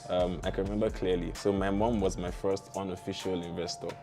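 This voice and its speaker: A man's voice: low voice, flat delivery, fairly quick, creaky, over music. A young Nigerian man with a Nigerian accent, a startup founder relaxedly telling his life story in an interview, with slangy asides and easy laughs.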